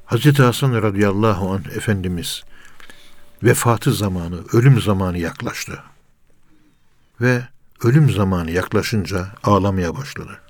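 A man's voice: fairly low pitch, a little slow, dry recording. A man teaching in a spiritual talk, urging listeners with repeated rhetorical questions. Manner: earnest, repetitive exhortation with rhetorical questions. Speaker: religious teacher.

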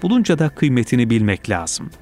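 A man reads a personal essay aloud in a calm, measured, reflective manner. His voice sits at an ordinary middle pitch. Soft music plays faintly underneath. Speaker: reader.

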